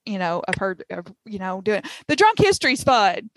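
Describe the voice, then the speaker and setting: A woman's voice: medium pitch, sing-song, moderate pace, no room sound, low-quality recording. A woman with a Southern US accent, telling a story passionately on a podcast with laughing asides. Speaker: podcast co-host. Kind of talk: casual chat.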